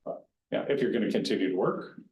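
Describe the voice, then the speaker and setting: A man with a lowish voice gives an informal retirement-planning talk in a roomy meeting room with a clear echo. He speaks plainly and conversationally, restarting phrases as he goes. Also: expressive, quick pace, a little mellow, a little hiss or hum. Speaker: retirement plan advisor. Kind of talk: informal educational presentation. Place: county board meeting room.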